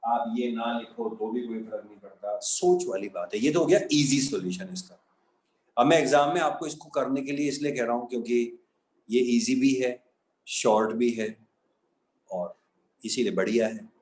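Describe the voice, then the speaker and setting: A man's voice: medium pitch, normal speed, darkish tone, echoey room, poor audio. A man who teaches maths, explaining each step of a lesson and going over the key points again. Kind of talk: classroom lecture.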